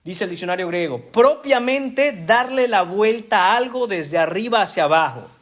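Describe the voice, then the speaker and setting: A man delivers a church sermon in a high, lively voice that swings widely in pitch. He presses hard on key words and keeps turning to the congregation as brothers. The delivery is emphatic throughout. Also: moderate pace. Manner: emphatic, rising to strong stresses on key words; addresses the congregation often as brothers. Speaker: pastor.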